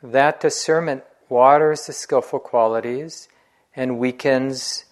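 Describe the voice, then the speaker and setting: A man gives a dharma talk as a meditation teacher. He tells stories in a relaxed, conversational way, with light laughs now and then. His voice sits at an ordinary middle pitch for a man. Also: takes it slowly.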